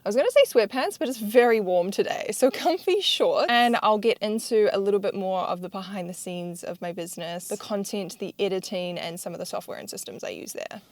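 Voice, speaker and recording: Chatty woman vlogging, gravelly edge. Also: medium pitch, a little fast, few pauses. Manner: chatty, candid, self-deprecating. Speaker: social media manager vlogger. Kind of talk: casual vlog talk to camera. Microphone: wireless clip-on mic.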